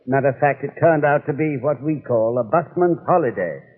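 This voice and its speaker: An actor playing a genial, rambling older English doctor, telling stories in 1930s radio style. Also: male voice, medium pitch, expressive, moderate pace, big-room sound, close to an everyday voice. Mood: genial, reminiscing. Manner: avuncular, rambling, loses his thread. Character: genial, chatty old English doctor reminiscing about detective adventures. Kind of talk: 1930s radio storytelling and sponsor patter. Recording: tinny, hollow 1930s radio recording.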